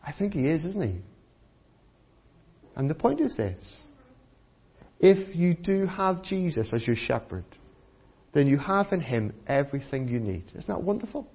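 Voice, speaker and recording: A man's voice: a little high, big pitch swings, unhurried, pauses often, breathy edge, highs cut off. A British man giving a children's sermon, teaching like a kids' presenter with simple questions put to the listeners. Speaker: preacher giving a children's talk. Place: church.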